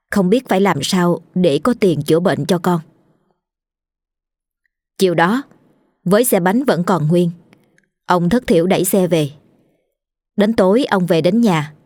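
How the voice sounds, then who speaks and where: Low-voiced woman narrating a ghost story. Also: a little mellow, no echo, studio quality. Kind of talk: scripted horror story narration. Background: faint music.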